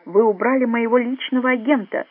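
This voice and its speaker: A world-weary, cutting spy, as a male reader voices him, contemptuous and tired, with a gravelly, raised voice. The storybook audio is bone-dry and thin, as if over a phone. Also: high voice, big pitch swings, normal speed, no echo, full character voice. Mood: cold. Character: weary, cold male professional agent. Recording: dry, phone-like narrow sound.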